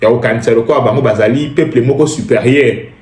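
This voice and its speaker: A man's voice: mid-range voice, fast talker, a little mellow, roomy sound. A Congolese man commenting emphatically, repeating phrases and switching between languages. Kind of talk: impassioned spoken commentary.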